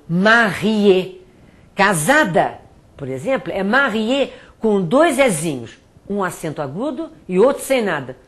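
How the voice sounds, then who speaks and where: Brazilian woman teaching French pronunciation. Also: mid-range voice. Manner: explanatory, repeats words slowly to demonstrate pronunciation. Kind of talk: spoken language tips to students.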